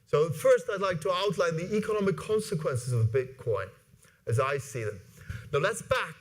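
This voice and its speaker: A man in his forties from Iceland, giving an animated conference talk from a stage, with many fillers and restarts. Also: on the high side. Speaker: conference speaker. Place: large conference hall with audience. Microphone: lapel mic.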